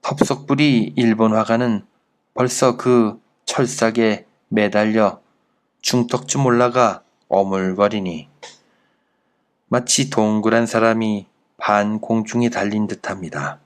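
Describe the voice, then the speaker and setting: A man reading a classic travel essay aloud in a slow, measured literary narration. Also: fairly low pitch, steady tone. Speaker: audiobook narrator.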